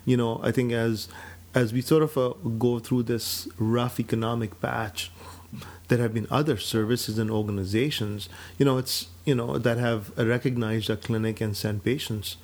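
A man in his forties from Pakistan, a physician and clinic director, talking about his life and work in a measured, steady way with frequent fillers. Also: mid-range voice. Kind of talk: personal account to camera.

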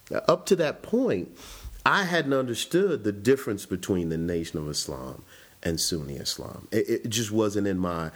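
A man in his forties from Chicago, reflectively telling his life story in an interview. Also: deep voice. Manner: reflective, conversational, with frequent restarts.

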